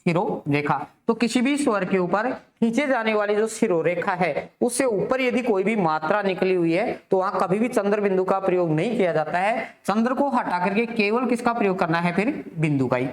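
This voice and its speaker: A man's voice: high voice, lively intonation, moderate pace, hardly any pauses. A man teaching a grammar lesson for exam students. He asks the class questions, answers them himself, and repeats the key terms. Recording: echoey room.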